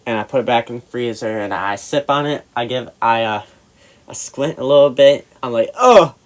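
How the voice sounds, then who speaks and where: A man telling a casual personal anecdote in a halting, rambling way, full of fillers and restarts, getting animated in the heated parts. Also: medium pitch, rough recording. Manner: animated, swings louder when retelling the argument.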